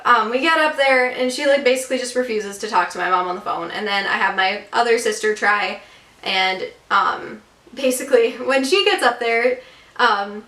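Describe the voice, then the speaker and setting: A woman's voice: on the high side, moderate pace, pushed and bright. A woman in her twenties telling a story to her vlog camera in a casual, chatty way, full of fillers like "like" and "um". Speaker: vlogger. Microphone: camera mic. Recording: roomy echo, camera mic at a distance.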